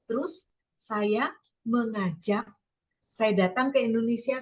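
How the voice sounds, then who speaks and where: A woman giving a sermon-style Bible teaching. She addresses her listeners directly, often asks them questions, and reads scripture slowly, stressing key words. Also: mid-range voice, poor audio. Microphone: online meeting with listeners muted.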